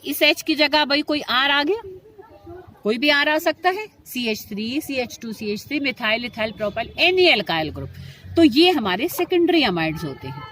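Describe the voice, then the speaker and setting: A woman gives a chemistry lesson in a high voice, quizzing her students as she goes. A faint hiss of noise sits under her speech. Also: fairly bright tone. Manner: addresses students affectionately, asks and answers her own questions. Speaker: chemistry teacher. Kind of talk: classroom lecture.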